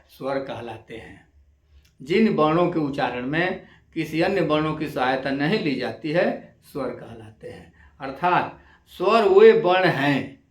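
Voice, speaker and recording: A man lecturing as a college lecturer, repeating each definition slowly and drawing out example sounds. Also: fairly high pitch, reverberant. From India. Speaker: intermediate college lecturer teaching Hindi grammar. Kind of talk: classroom-style lesson to camera.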